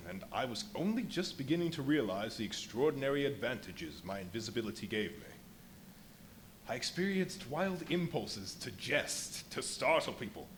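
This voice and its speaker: Radio drama: male actor as boastful, unstable invisible scientist, animated middle-register delivery, dramatic pauses, live recording with slight background noise. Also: medium pitch, rough recording. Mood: gloating. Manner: dramatic, literary phrasing with emphatic pauses. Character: the Invisible Man, a feverish, boastful, volatile male scientist recounting crimes. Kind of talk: live radio play monologue, theatrical storytelling. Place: live performance at a brewery venue. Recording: live stage performance with audible background noise.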